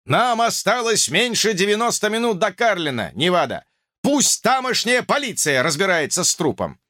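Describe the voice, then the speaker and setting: A man's voice: sits high, sing-song, moderate pace, bright, forceful tone, no room sound, clean studio sound, voice pushed up, exaggerated voice. A man voicing a commanding male train conductor who barks orders in an audiobook. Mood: curt. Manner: barking orders.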